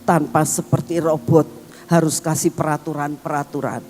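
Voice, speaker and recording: A woman pastor, preaching a sermon as emotive storytelling that swings between excited and hushed. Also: deep voice, normal speed. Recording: long hall reverb with faint music.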